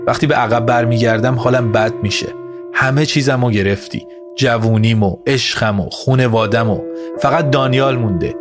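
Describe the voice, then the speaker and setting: A man's voice: fairly low pitch, close to an everyday voice. A man voicing an angry, bitter middle-aged woman in an audio story, accusing and cutting, over music. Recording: music bed behind voice.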